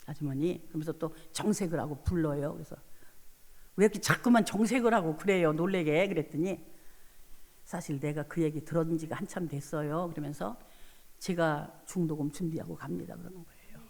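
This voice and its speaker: A woman's voice: deep voice, brisk, darkish tone. Woman preacher, fervent testimony in a reverberant hall. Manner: retells conversations, rising to fervent prayer. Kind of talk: revival sermon testimony. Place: church sanctuary.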